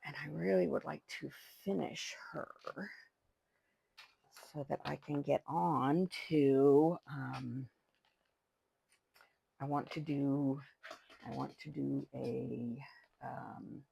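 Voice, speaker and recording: An older woman hosting a craft channel speaks slowly in an extremely low, warm, gravelly, husky voice with fairly even intonation and frequent pauses. She chats and rambles to herself while working, and the recording quality is low.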